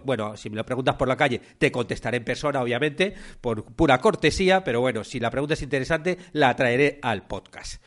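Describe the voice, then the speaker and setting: A man's voice: mid-range voice, fairly bright tone. A man hosting a casual solo podcast, rambling and repeating words, filling gaps with eh and ¿no?. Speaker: podcast host.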